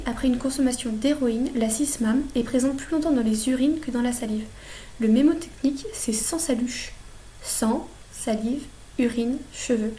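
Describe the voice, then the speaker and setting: A woman's voice: fairly high pitch, warm tone, slight background noise. A young woman with a French accent correcting exam questions as a student tutor, explaining steadily with memory tricks. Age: young adult.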